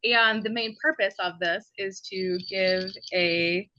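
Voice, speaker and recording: A woman appears as a podcast guest on a video call from home, chatting casually about her costume work and hobbies and laughing often. Her medium-pitched voice is slow, steady in tone, and pushed and bright, and the recording is muffled with no echo.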